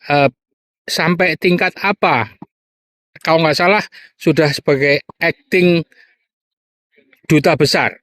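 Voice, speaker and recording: A man's voice: fairly high pitch, takes it slowly, long pauses, a bit bright. A middle-aged man hosts a casual on-location interview, echoing answers and prompting with short questions. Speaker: host.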